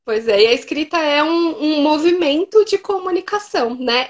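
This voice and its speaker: A woman hosting a conversational interview, explaining patiently and often tagging her sentences with "né". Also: sits high. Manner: explanatory, frequent "né" tags. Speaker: host and writing therapist.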